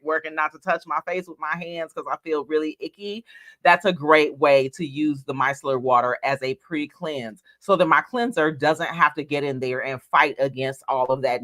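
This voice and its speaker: A man's voice: a little high, sharp tone, dry recording. A man co-hosting an online bingo night as a bingo caller, with casual, chatty product talk. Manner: bingo caller drawing out the numbers.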